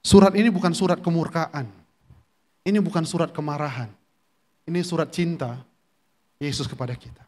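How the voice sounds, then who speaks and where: A man's voice: a little high, moderate pace, long pauses, darkish tone. A male pastor giving a church sermon in a conversational way, often turning to the congregation with questions.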